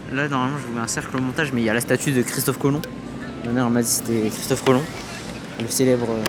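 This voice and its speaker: A man's voice: medium pitch, noisy background. Young man vlogging in casual slang. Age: young adult. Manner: slangy, informal. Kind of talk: casual travel vlog chat. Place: mostly outdoors at a seaside city, later inside an apartment.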